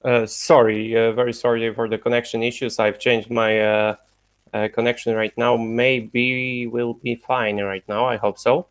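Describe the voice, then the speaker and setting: A man's voice: mid-range voice, level tone, measured pace, clear, resonant tone. A man interviewing over a video call, talking hesitantly with many fillers, his voice coming through a poor, unstable connection. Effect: unstable video-call line with a distant, degraded sound.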